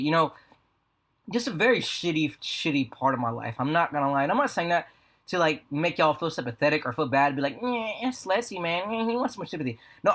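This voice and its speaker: A young American man with a slightly high voice talks at a rapid clip. He rambles through a casual vlog story, full of slang and profanity. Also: fairly bright tone. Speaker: video creator. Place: apartment room with a fan running. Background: fan hum.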